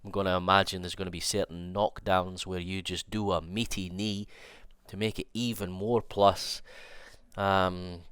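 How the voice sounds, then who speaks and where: Deep-voiced nasal man with a cold. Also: unhurried, clear, resonant tone, no echo. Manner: rambling, excitable, thinking aloud with restarts. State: has a cold. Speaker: fighting game content creator. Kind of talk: excited trailer breakdown commentary.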